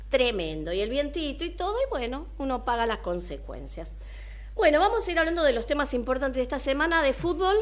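An Argentine woman hosting casual radio chat, teasing and colloquial, with a hoarse duck-like voice from a cold. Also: high voice. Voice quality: hoarse, ducky croak from a cold. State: has a cold with a cough. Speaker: radio show host.

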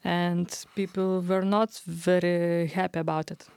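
A woman organist co-hosting a talk about organ music, speaking in a measured, agreeable way. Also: lowish voice, flat delivery, gravelly, a little mellow, clear, resonant tone, no echo. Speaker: organist and podcast co-host. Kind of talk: casual discussion.

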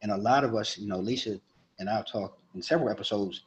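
A man's voice: on the low side, fast, slight background noise, poor audio. A man from New York co-hosting a podcast, speaking earnestly and reflectively and building his points through repetition. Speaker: podcast co-host. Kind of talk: casual podcast conversation.

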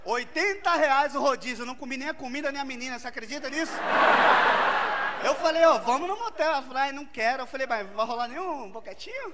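High-voiced man doing stand-up. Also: expressive, fast talker. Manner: loud storytelling to a laughing audience. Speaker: stand-up comedian. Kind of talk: stand-up comedy routine. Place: comedy stage with live audience. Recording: live stage recording with loud crowd noise.

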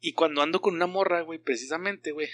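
A man's voice: fairly high pitch, fast talker, a bit bright, dry recording. A young man with a Mexican Spanish accent telling crude stories in slangy casual chat.

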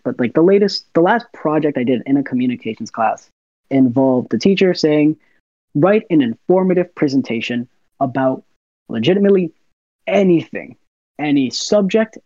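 A young man, a university student, chatting as an interview guest, soft-spoken and quick to laugh as he acts out little scenes. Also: fairly high pitch, dry recording, dull audio. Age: young adult. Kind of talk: casual interview chat.

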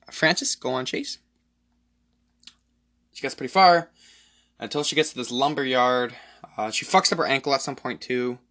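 Male solo podcast host, bright tone, rambling profane movie recap with frequent throat clearing. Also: mid-range voice. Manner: rambling, profane, many fillers.

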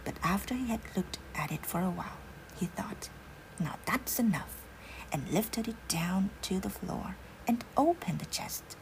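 A woman narrating a fairy tale in a hushed, unhurried whispered role-play. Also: medium pitch, lively intonation, creaky, a little hiss or hum, low-quality recording. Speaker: storyteller.

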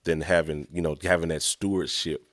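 A man's voice: rumbling low, fairly even intonation, fairly quick, fairly bright tone, dry recording, clean studio sound. A middle-aged man hosting a podcast, talking in an earnest, reflective way with many restarts. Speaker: podcast host. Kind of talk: casual chat.

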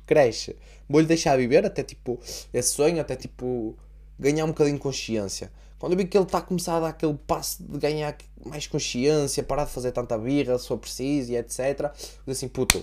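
A man's voice: mid-range voice, warm tone. A young man with a European Portuguese accent talks through a casual solo podcast monologue. He rambles from point to point, jokes with himself and swears freely. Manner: rambling, profane, jokey. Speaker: podcast host.

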